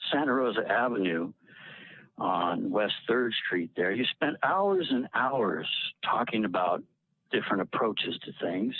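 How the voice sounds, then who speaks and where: A man's voice: medium pitch, breathy edge, dry recording. A man calling in on an old flip phone to make an earnest, urging public comment at a civic meeting. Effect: old flip phone call. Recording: tinny, dry flip phone line.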